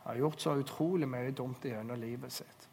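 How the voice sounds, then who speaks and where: A man's voice: medium pitch, vocal fry, a little mellow, a little hiss or hum. A man preaching a sermon, telling stories and urging listeners earnestly, recorded in a church hall. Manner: storytelling, earnest exhortation. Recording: long hall reverb.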